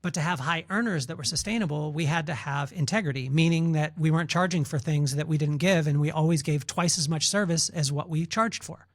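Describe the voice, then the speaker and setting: A man with a fairly high voice appears as a podcast guest in a conversational storytelling interview, speaking a little fast with hardly any pauses. He's animated, repeating words and acting out what others said, and the sound is close and dry.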